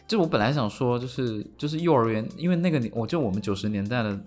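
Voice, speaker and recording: A man co-hosting a casual podcast chat, making quick, chatty remarks. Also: mid-range voice, expressive, a little mellow, soft background music. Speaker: podcast co-host.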